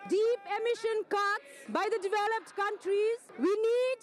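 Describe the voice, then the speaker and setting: A woman's voice: very high voice, over a noisy crowd. A young woman from Peru giving an impassioned protest speech into a handheld mic in a crowded conference hall. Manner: impassioned, measured delivery. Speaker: activist speaker.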